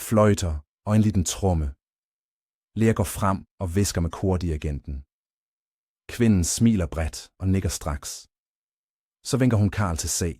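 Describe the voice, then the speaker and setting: A man reading a calm bedtime story slowly, with soft, even and clearly pronounced speech. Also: low voice, dry recording, studio quality. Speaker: narrator.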